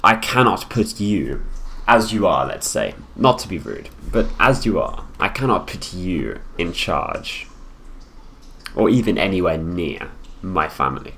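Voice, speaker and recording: A male actor plays a haughty, possessive young prince, heir to the throne, in an improvised ASMR roleplay addressed to the listener. His very deep voice is animated, bright and forceful, heavily acted, with a smug, matter-of-fact, coolly menacing condescension. He draws out his phrasing deliberately with pauses, and there is noticeable background hiss.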